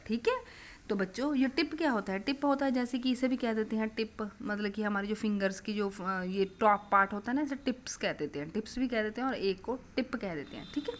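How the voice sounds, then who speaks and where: A woman's voice: on the high side, fairly quick, muffled recording. A young woman teaching phonics to children, asking questions and repeating the answers back. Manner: repetitive call-and-response questioning.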